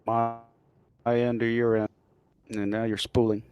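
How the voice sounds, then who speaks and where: A man's voice: medium pitch, monotone, a little mellow, clear, resonant tone, no room sound. Man on a choppy breaking-up call. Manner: halting, words cut apart by lag. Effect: choppy internet call audio breaking up. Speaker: caller. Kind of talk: casual chat. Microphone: remote call-in.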